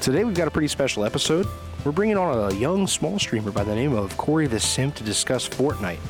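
Relaxed male podcast host. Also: medium pitch, fast talker, soft background music. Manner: relaxed, filler-laden delivery. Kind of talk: casual podcast news roundup.

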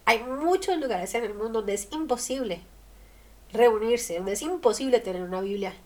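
Woman, radio preacher, higher-pitched voice, emphatic delivery with rhetorical questions. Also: lively intonation, normal speed. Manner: emphatic, rhetorical questions, swings loud and soft. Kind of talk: sermon on the radio.

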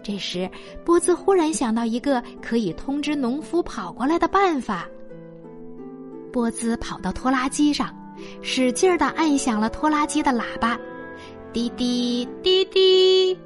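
A woman reading a children's story aloud in a gentle, expressive storyteller manner. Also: high-pitched, normal speed, soft background music.

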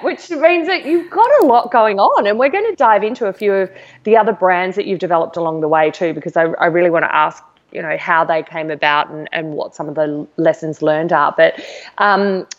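A woman's voice: fairly low pitch, fairly quick, highs cut off. Effusive woman podcast host. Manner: enthusiastic, effusive, many fillers. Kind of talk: casual interview chat.

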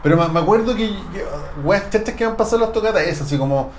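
A Chilean man hosts a loose chat between friends and talks at a rapid clip in a high voice. He rambles through stories, heavy with slang. The room rings with a noticeable echo. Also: expressive, a little hiss or hum. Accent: Chilean Spanish. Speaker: podcast host. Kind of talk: casual chat.

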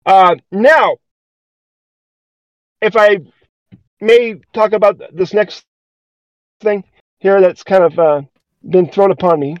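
A man's voice: high voice, slow, long pauses, dry recording. A man co-hosting a podcast, telling a story in a casual, rambling way, full of hesitations and restarts. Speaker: podcast co-host. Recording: dull lo-fi dry recording.

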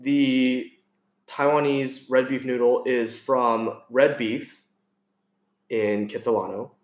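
A man's voice: mid-range voice, little pitch movement, slow pace. Man hosting in a roomy space. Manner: chatty, asks curious questions. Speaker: podcast host. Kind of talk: casual chat.

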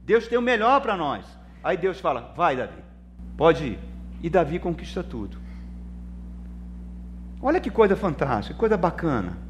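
A man with a Brazilian Portuguese accent preaching a sermon as pastor, swinging between loud emphasis and soft, calling listeners brother. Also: high-pitched, big pitch swings, normal speed, pauses often, slight background noise.

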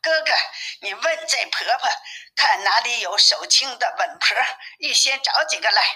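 A woman's voice: fairly high pitch, lively intonation, moderate pace, pushed and bright, rough recording. A woman doing a whiny, panicky pig-monk. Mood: whining. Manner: whining, fretful.

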